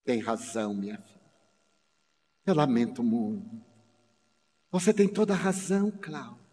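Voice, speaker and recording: A man voicing an old mother in a wheelchair who is full of remorse and speaks softly and tenderly. Long hall reverb. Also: high-pitched, animated, takes it slowly. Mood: remorseful. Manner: soft, quiet, tender.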